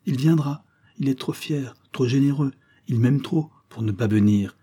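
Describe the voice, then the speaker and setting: A man's voice: mid-range voice, normal speed, warm tone, husky, lightly acted. A man reading aloud, voicing a devoted, trusting young woman with a raised voice in a spoken storybook. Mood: joyful. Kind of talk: audiobook character reading.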